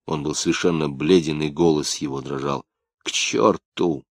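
Male narrator, very low voice, steady read, close dry mic. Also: brisk, no echo. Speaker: audiobook narrator. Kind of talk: scripted narration.

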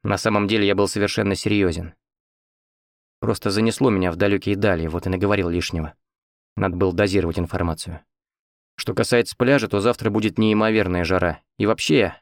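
Guy narrating an audiobook, low voice, dry close sound, kinda ironic. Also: vocal fry, no echo. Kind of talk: first-person audiobook narration.

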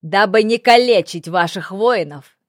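A woman voicing a young male envoy with a ringing voice, proclaiming loudly and ceremoniously, in an audiobook. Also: mid-range voice, unhurried, no echo, clean studio sound, natural voice.

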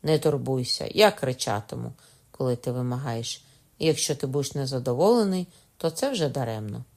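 A woman's voice: rumbling low, expressive, a little fast, a little mellow, full character voice. A woman reading aloud and voicing a defiant young male nobleman under torture, who mocks his questioners and yelps in pain. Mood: defiant mocking. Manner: mocking, then howling in pain.

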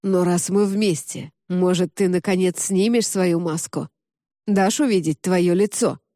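A woman voicing an earnest young man in love in an audiobook, speaking softly and hesitantly. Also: on the low side, steady tone, dry recording, studio quality, lightly acted. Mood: tender. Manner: soft, hesitant, slow and coaxing. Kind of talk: audiobook character reading.

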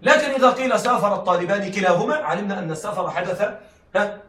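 A man's voice: sits high, animated, fast, a bit bright. A male teacher giving a classroom lecture, often checking that the class follows and laughing lightly as he explains. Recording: echoey room, mic at a distance.

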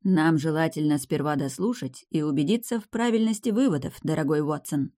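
A woman's voice: deep voice, a little fast, dark tone, lightly acted. A woman voicing a scared but brave ten-year-old boy whispering to himself. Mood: hushed determined.

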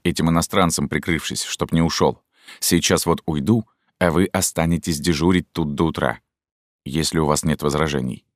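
A man reading an audiobook voices a weary, secretive middle-aged male scientist, talking quietly, slowly and with resignation. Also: extremely low pitch, fairly even intonation, dry recording. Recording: dry close studio sound.

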